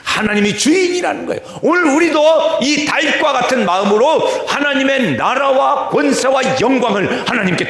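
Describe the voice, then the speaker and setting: Dramatic pastor with a gravelly, lively voice. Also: male voice, high-pitched. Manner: dramatic, swinging between shouts and hushed whispers. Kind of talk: sermon. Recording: echoey church hall.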